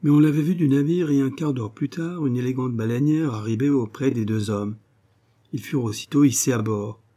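An audiobook narrator with a medium-pitched male voice reads from an adventure novel. He tells the story in an even, measured way.

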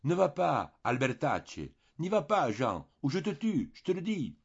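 Male reader doing a tired, sickly villager, slow flat delivery, dull lo-fi sound. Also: on the low side. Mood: grim. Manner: dragging, monotone, coughing. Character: weary sickly Corsican man recounting a killing.

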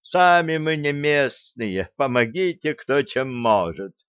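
A brash, bold space captain , as a male reader voices him, pushing his lines with lively, decisive energy. The voice sits a touch above the reader's own, dry and a little muffled. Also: medium pitch, slow pace, clean tone, no echo, pitched above the performer's own voice. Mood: wry. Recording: dull lo-fi dry recording.

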